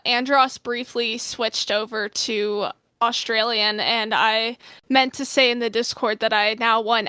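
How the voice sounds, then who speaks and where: Bright, high-voiced young woman podcaster. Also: clear, resonant tone, no echo. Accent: slight Southern US. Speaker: podcast co-host. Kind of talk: casual podcast chat.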